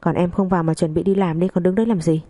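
A woman's voice: on the low side, fairly even intonation, fast, dark tone, dry recording, lightly acted. A woman voicing a frustrated young husband who speaks sternly and reproachfully. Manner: stern, scolding.

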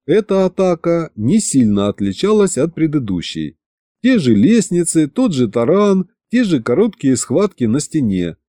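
Brief: male audiobook narrator, wry and animated, dark tone, dry studio. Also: fairly high pitch, normal speed, no echo. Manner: wry, expressive.

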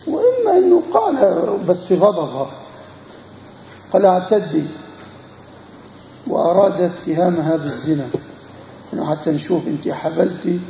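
Gravelly-voiced lecturer in an echoey room. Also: male voice, on the high side, dark tone, slight background noise. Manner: explains with repeated checking questions to students. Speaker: Islamic scholar teaching a text. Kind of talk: classroom lecture on a legal text. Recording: dull lo-fi recording in an echoey room.

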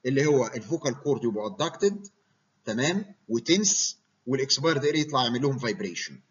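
A man's voice: medium pitch, animated, quick pace, husky. A man with an Egyptian accent giving a medical lecture, explaining terms and checking in with his listeners. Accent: Egyptian Arabic. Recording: dull lo-fi recording.

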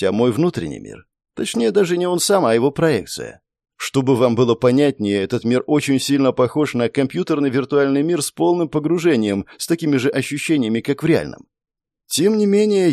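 A man voicing a serene, ageless female spirit who lives in a pendant, speaking melodically and calmly, in a storybook reading. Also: mid-range voice, no echo, studio quality, natural voice. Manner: melodic, calm, explaining patiently.

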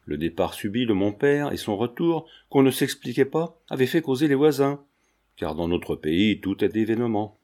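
A man reading a novel aloud in calm, measured scripted narration. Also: mid-range voice. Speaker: audiobook reader.

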